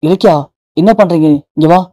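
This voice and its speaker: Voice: mid-range voice, fairly even intonation, fairly quick, mellow, dry recording, studio quality, lightly acted. A narrator voicing a worried mother pleading with her son about a family secret. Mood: fretful. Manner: pleading, fretful.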